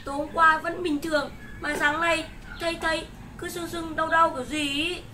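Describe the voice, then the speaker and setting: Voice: extremely high pitch, little pitch movement, moderate pace, sharp tone. The performer plays a young son with a swollen cheek, whining and pleading with his father. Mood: whiny. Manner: whining and drawn out. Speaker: the master's son. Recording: noisy background.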